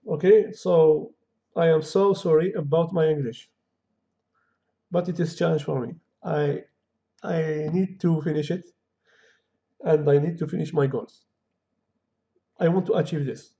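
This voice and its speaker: The gravelly, somewhat high, dark-toned voice of a male programming tutor runs through a casual screen-recorded tutorial with fairly level intonation. With Kabyle or Arabic as his native tongue, he speaks halting English, pondering aloud amid many fillers, on a dull lo-fi home recording.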